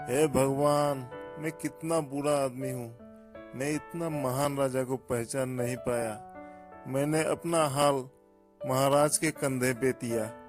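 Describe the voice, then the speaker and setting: A man narrating a folk tale in a measured storytelling manner. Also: a little high, a little mellow.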